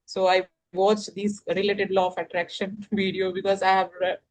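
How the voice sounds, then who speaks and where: Casting: Indian-accented woman, casual learner, halting speech full of fillers. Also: mid-range voice, little pitch movement, darkish tone, poor audio. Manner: hesitant, many fillers and restarts. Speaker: English learner guest. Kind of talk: casual conversation practice.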